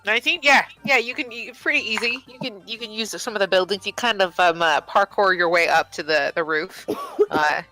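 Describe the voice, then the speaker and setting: A woman's voice: medium pitch, a little fast, pushed and bright, soft background music, low-quality recording. A woman acting as game master, explaining rules and narrating a tabletop role-playing game in a casual, conversational way.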